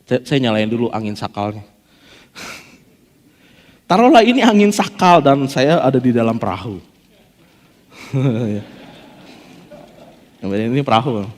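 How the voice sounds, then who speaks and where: Now at a medium pitch, the pastor talks a little slowly and leaves long pauses. He still jokes and acts out quotes in an animated, casual sermon, recorded in a church hall with long reverb.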